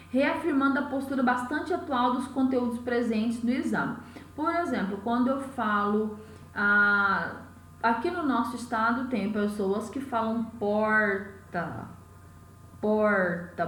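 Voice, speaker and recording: A woman from Goiás with a Goiás accent, teaching an exam-prep class step by step and often checking in with "né?" and "tá?". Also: a little high. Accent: Goiás Brazilian Portuguese. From Goiás, Brazil. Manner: explains step by step, often asks "né?" and "tá?". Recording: echoey room, mic at a distance.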